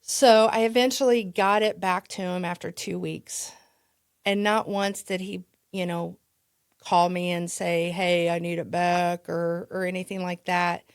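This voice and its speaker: A woman's voice: lowish voice, fairly even intonation, a little slow, smooth, no room sound, clean studio sound. A woman with a Midwestern American accent, a podcast guest telling a story in a chatty, casual way. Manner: chatty, with restarts and laughs. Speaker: podcast guest, real estate agent.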